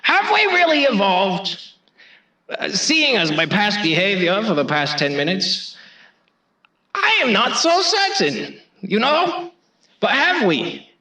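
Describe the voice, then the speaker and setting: A man putting on a bombastic male schoolteacher who makes theatrical, shouted announcements in a comic skit intro. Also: medium pitch, moderate pace, echoey room, distant mic, voice pushed down, close to an everyday voice. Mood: mock-grave. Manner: shouting, theatrical and mock-grave.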